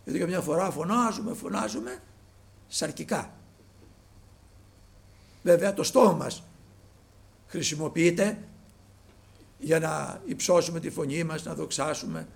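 A man preaching a sermon with a gravelly voice, moving between loud, fervent exclamations and hushed, quiet storytelling. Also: a little high, long pauses.

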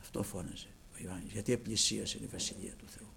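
A man preaching a sermon to his congregation with passion, dropping to a hush and then rising to loud exclamations. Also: lowish voice, fairly even intonation, vocal fry, slight background noise. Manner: impassioned, swinging from hushed to loud.

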